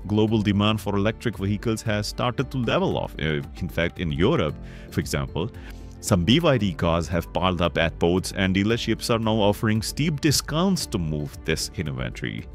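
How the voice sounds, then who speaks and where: A man's voice: lowish voice, big pitch swings, moderate pace, soft background music. A man narrating an explainer video in a conversational voice-over, sometimes stumbling and restarting words. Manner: slips and restarts mid-word. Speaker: documentary narrator.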